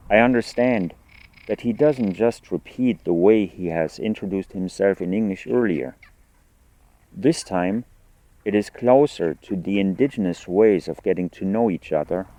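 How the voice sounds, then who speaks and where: A man with a very low, mellow voice narrates a radio feature from a script. His delivery is measured and explanatory, with a dark, relaxed tone.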